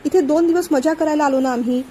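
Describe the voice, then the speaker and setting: A woman's voice: sits high, fast, dark tone, slight background noise, natural voice. A woman reading a storybook voicing a chatty young woman talking with her friend and her brother. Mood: chatty, defensive.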